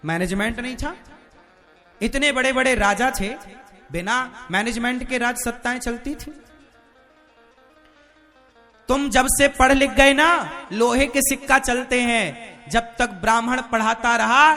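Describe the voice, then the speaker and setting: A man's voice: very high voice, a little slow, bright, forceful tone, soft background music. A man preaching a fiery sermon to a live gathering, keeps asking the crowd for answers. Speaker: spiritual preacher.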